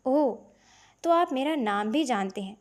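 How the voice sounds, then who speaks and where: A woman's voice: high voice, lively intonation. A woman reading the part of a stern, devout young woman who speaks coldly and sharply. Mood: scornful. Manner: cold, sharp, scornful.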